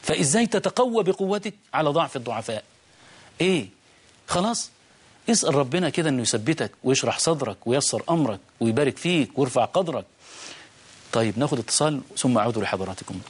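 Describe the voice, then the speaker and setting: A man's voice: medium pitch, lively intonation, fast, husky. A man with an Egyptian accent, a sheikh hosting a call-in show, telling a moral story in an emphatic preaching way that rises to fervent appeals. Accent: Egyptian Arabic.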